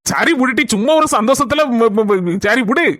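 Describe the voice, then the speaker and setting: A man's voice: extremely high pitch, animated, moderate pace, a bit bright, no echo, studio quality. A man playing a cheerful, affectionate young husband in a comedy sketch, who teases his wife. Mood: teasing.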